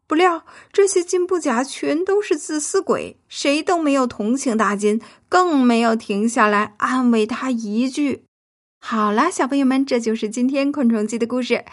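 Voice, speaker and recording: A woman narrating a children's story in a lively, expressive way. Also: sits high, normal speed.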